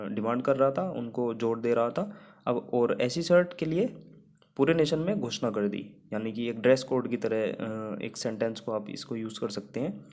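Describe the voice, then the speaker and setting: A young man with a mid-range, slightly mellow voice teaches English vocabulary in Hindi. He patiently explains every word and builds a memory trick around each one.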